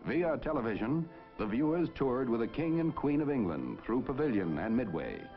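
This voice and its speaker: A man's voice: medium pitch, very animated, moderate pace. A man narrating a 1950s television broadcast in a stately, declamatory announcer delivery. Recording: dull lo-fi 1950s film soundtrack with music.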